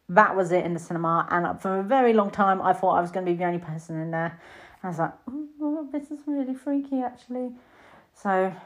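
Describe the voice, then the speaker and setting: Chatty British woman in her thirties. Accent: British English. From Britain. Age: 30s. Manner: chatty and rambling, mimics her own reactions in sudden high bursts. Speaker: film reviewer. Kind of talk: casual chat.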